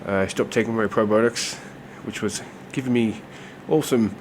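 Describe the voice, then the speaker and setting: Here a man with a lowish voice does a relaxed tarot reading at normal speed, sounding stuffed up and nasal from a cold. He chats easily, dropping in plenty of fillers, and there's slight background noise.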